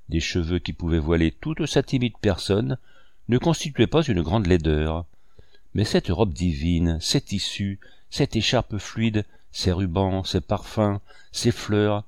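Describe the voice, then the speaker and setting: A man narrating a classic French novel in a measured, literary reading style. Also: fairly low pitch, darkish tone, no room sound, clean studio sound. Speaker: audiobook reader. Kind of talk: scripted narration.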